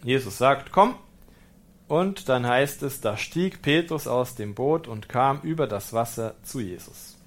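A man, a priest, reads a Gospel passage and explains it in a reflective sermon, calm and lightly humorous. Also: medium pitch, a little slow. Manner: German-speaking preacher. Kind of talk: sermon with scripture reading.

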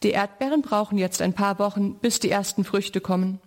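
A woman reading the part of a kind grandfather, calmly explaining in a storybook reading. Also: medium pitch, fairly quick, close to an everyday voice.

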